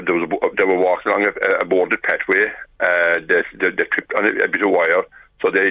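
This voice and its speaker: A man's voice: low voice, husky, no room sound. A man from Kerry with a west of Ireland accent, giving a radio interview in a hesitant, stop-start way. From County Kerry, Ireland. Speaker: farmers' association representative, radio guest. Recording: tinny narrow phone line.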